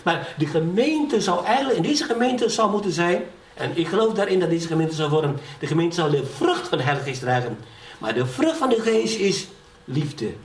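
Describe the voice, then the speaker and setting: Testifying with rising fervour, this middle-aged pastor keeps checking in with his church congregation by asking "ja?". He speaks at normal speed in a high-ish, very animated voice, and the recording comes from a distance in an echoey hall with faint background noise.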